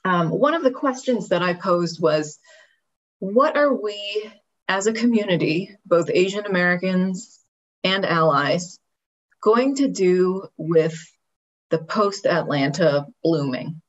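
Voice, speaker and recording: A woman speaks in a measured, thoughtful way, laying out a string of ideas as a panelist at an online symposium. Her voice sits a little low, and the call audio sounds dull and lo-fi. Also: lively intonation, a little hiss or hum.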